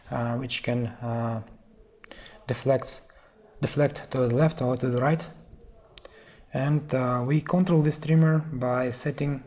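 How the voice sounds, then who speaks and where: Creaky, thick-throated man with foreign accent. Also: mid-range voice, a little mellow. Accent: foreign, non-native English. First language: not English. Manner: halting, hesitant delivery with many fillers. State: sore throat. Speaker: flight theory instructor. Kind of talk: slide lecture explanation. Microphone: voice-over on slides. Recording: noticeable background noise.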